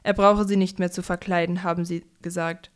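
A woman voicing a small, cheeky male mouse who giggles and squeaks in a storybook reading. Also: level tone, a little fast, smooth, natural voice. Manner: squeaky, chirpy.

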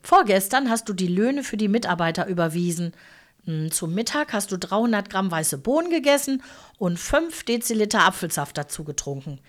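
A woman voicing a calm, teasing female angel in biker leathers who speaks gently and familiarly, at times in a whisper. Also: mid-range voice, normal speed, lightly acted. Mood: knowing.

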